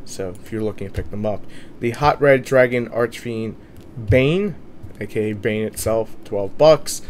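Hosting a price guide video, a man gives casual, informal commentary with mild swearing while under the weather with a sore, swollen throat. His voice is mid-range and darkish, with a little hiss or hum in the audio.

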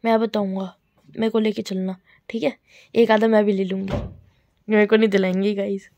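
A woman's voice: medium pitch, flat delivery, normal speed, dark tone. A young woman chatting casually to her viewers at home in a teasing, talkative home vlog. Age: young adult. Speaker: vlogger.

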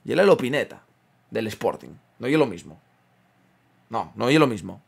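A man's voice: mid-range voice, sing-song, moderate pace, creaky, slightly rough. Streamer man chatting over a football game. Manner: banters, mutters, reads chat aloud. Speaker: gaming streamer. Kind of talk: casual gameplay commentary.

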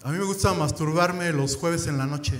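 A young man with a Mexican accent runs through a stand-up set, crude and deadpan, his voice sitting a little high. The room is echoey and there's clear noise around him. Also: moderate pace. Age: young adult. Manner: crude, deadpan storytelling with lots of slang. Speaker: stand-up comedian. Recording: echoey club with crowd noise.

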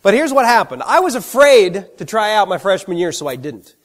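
A man preaching a sermon, telling personal stories with animated, self-deprecating humor. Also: sits high, fairly quick.

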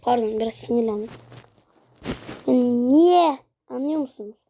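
A woman's voice: high-pitched, normal speed, background noise. A young woman streaming a horror game, chatting casually to viewers, swearing freely and bursting out in jumpy reactions. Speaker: gaming streamer. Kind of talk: casual let's-play commentary.

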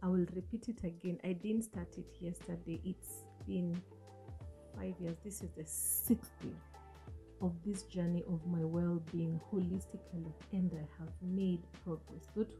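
Speaking a little slowly in a fairly low, mellow voice with fairly even intonation, a woman hosts a motivational talk over soft background music. She is in her forties, from Africa, with an African language as her first language and English as a later one, and she coaches earnestly while asking the listener questions. She sits on a sofa in a small indoor room, a studio mic on a stand before her.

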